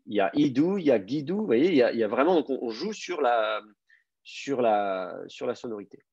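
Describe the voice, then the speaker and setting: A male teacher with a slightly husky voice explains a grammar point patiently, slowing down to repeat each key word. The sound is dry and a little muffled, as if recorded at close range over a modest connection. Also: medium pitch, sing-song, darkish tone, dry recording. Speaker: Hebrew teacher. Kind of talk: online class explanation.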